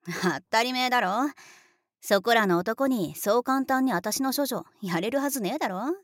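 A young woman plays a brash, tomboyish older sister who bosses you around bluntly, talks down to you, and laughs teasingly, in an adult audio role-play drama that's partly whispered. Her mid-range voice is expressive and moderately paced, recorded very dry and close with no room sound, and some lines sink into a hushed whisper. The mood is brash and boastful.

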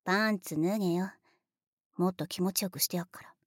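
A young woman portrays a tomboyish older sister, brash and condescending, bossing you bluntly in a boyish way and laughing to tease you. She talks a little fast in a natural, ordinary mid-pitched voice, recorded very close and dry with no room sound, occasionally dropping to a hushed whisper. The tone is teasing and bossy in this partly whispered adult audio role-play drama.

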